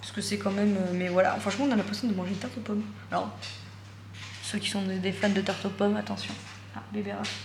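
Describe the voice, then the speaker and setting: A woman's voice: mid-range voice, steady tone, quick pace. Chatty French-speaking woman vlogging at home. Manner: chatty, enthusiastic, repeats herself with many fillers. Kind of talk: casual vlog chat. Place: at home, indoors. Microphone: phone or camera close by. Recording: echoey room with background noise.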